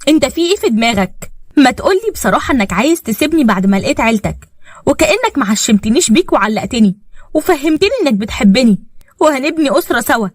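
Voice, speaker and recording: A possessive young fiancée , as a woman narrator puts her on, needling and demanding in a rapid Egyptian voice. The delivery is close and dry. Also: fairly high pitch, animated, no room sound. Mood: angry.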